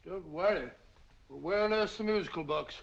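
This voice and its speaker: Doctor Watson, gravelly and hearty. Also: male voice, sits high, normal speed. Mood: puzzled. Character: bluff, good-natured English doctor and sidekick. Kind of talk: 1940s film acting. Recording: dull lo-fi old film soundtrack.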